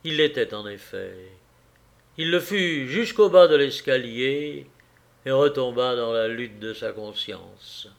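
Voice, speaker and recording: A man reading a classic novel aloud in a measured, solemn manner with long pauses. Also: medium pitch, expressive, creaky. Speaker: audiobook reader. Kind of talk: literary narration.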